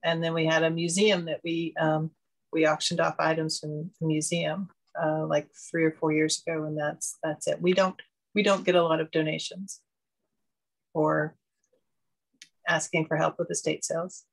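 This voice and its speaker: A woman's voice: low-pitched, flat delivery, moderate pace, vocal fry, low-quality recording. A woman from a radio club explaining hesitantly, with many fillers, on a video call. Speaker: member of another radio club. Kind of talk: casual video call chat.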